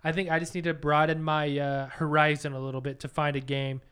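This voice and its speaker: A man with a high, fairly bright, clean voice talks fairly quickly with little pitch movement. He co-hosts a laid-back podcast with his partner, rambling and poking fun at himself.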